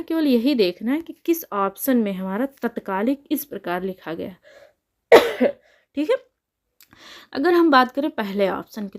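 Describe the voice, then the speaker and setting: A woman's voice: on the high side, a little mellow. A young woman teaching a spelling lesson for exam preparation, patiently repeating each answer and asking it back to the viewer. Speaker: Hindi exam tutor. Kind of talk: spelling lesson explained while writing.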